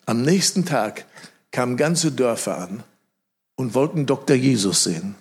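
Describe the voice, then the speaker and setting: A male preacher giving a lively sermon, telling stories and acting out the voices of the people in them, often repeating phrases for emphasis. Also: mid-range voice, a little slow, slight background noise. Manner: animated storytelling, acts out quoted voices loudly; emphatic repetition.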